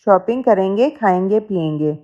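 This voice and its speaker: A woman's voice: medium pitch, expressive, normal speed, warm tone, highs cut off, close to an everyday voice. A woman voicing a sly young daughter-in-law who steals and blames others, in a storybook reading. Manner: sly, accusing.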